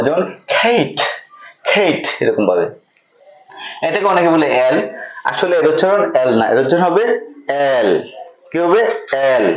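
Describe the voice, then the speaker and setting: A man with a slightly high voice teaches a classroom lesson, drilling each point by asking a question and then answering it himself. His voice rings in an echoey room. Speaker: English pronunciation teacher.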